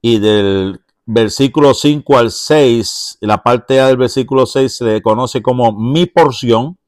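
A man teaching a Bible study and explaining a psalm verse by verse. He pauses often to check in with his listeners through short tag questions. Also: medium pitch, a little mellow, no room sound, clean studio sound. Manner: blesses those present by name.

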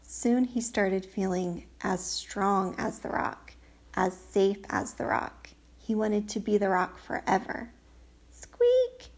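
Slow gravelly woman reading a storybook. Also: medium pitch, fairly even intonation. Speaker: audiobook reader. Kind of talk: storybook narration.

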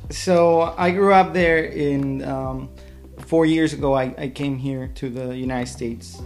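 A man's voice: mid-range voice, steady tone, slow pace, soft background music. A man from Mexico with a Mexican accent, a friendly interview guest who thinks aloud, with frequent ums and restarts. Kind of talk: casual interview.

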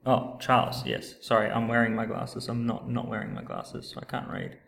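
Male podcast co-host, gravelly creak, rambling casual chat, roomy echo and faint noise. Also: fairly low pitch, normal speed, a bit bright. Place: echoey university room. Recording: echoey room with background noise.

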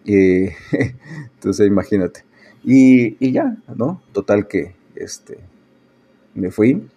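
A man's voice: fairly low pitch, sing-song, extremely slow, dark tone, breathy edge. A man, a preacher telling a personal story in a loose, conversational way with many fillers and restarts. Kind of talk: personal testimony talk.

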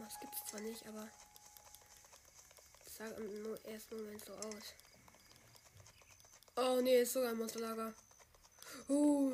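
Woman chatting thru a game, kinda high voice, yells then mumbles, lots of noise behind her. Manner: chatty, swings between loud outbursts and quiet mutters. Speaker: gamer. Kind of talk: casual gameplay commentary.

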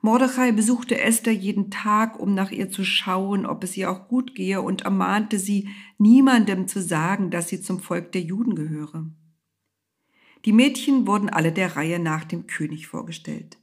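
A woman's voice: mid-range voice, normal speed, husky. A woman narrating a storybook tale expressively, sometimes dropping to a whisper.

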